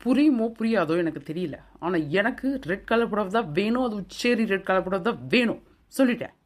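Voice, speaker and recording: A woman's voice: mid-range voice, a little fast, close to an everyday voice. A woman voicing a stubborn young bride-to-be in a cartoon. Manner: stubborn, insistent. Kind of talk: cartoon voice acting.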